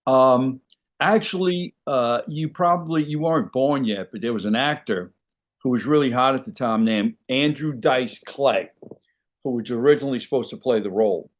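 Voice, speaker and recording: A man's voice: mid-range voice, normal speed. Easygoing older man telling a story. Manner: easygoing, rambling, many "you know" fillers. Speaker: actor guest. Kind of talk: casual interview chat.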